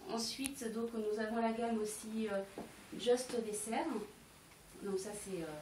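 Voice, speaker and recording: A woman's voice: a little high, steady tone, unhurried, a little mellow. A woman selling candles to guests at a home party, explaining each product step by step with frequent hesitations. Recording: echoey room, distant mic, faint noise.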